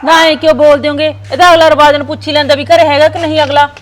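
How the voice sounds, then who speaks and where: A woman's voice: sits high, flat delivery, very fast, lightly acted. A woman playing a sulky daughter-in-law who complains about her husband and his mother. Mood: complaining. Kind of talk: village comedy drama.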